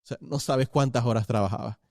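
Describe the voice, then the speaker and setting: A man hosting a podcast interview, chatting in a relaxed way and sharing personal anecdotes. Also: medium pitch, a little fast, no echo, clean studio sound. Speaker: podcast host. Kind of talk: conversational interview.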